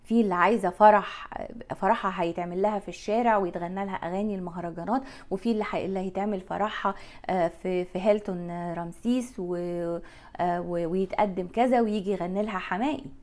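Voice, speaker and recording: A woman's voice: fairly low pitch, fairly even intonation, quick pace, a little mellow. Frank Egyptian woman talking to camera. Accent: Egyptian Arabic. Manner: frank, blunt, gestures with her hands. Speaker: life coach vlogger. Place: bright room by a window. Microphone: lapel mic.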